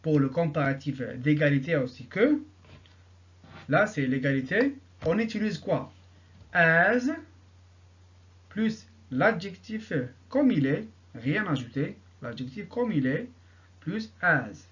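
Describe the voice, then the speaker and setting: A man teaching an English grammar lesson, repeating each example sentence slowly and answering his own questions. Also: a little high, expressive, fairly bright tone, dull audio.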